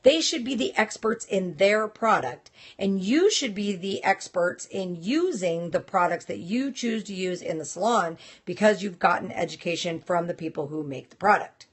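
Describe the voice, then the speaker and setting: A woman's voice: fairly low pitch, lively intonation, normal speed, few pauses, slightly rough. A woman hosting a casual live stream, talking directly and chattily to viewers while reacting to their comments. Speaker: host of a nail industry live stream.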